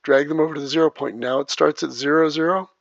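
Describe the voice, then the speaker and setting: A man teaching video editing step by step, narrating each click as he works, heard through low sample rate, muffled audio. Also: fairly even intonation, fast, gravelly, dry recording. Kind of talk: step-by-step screen tutorial. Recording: dull lo-fi dry voice track.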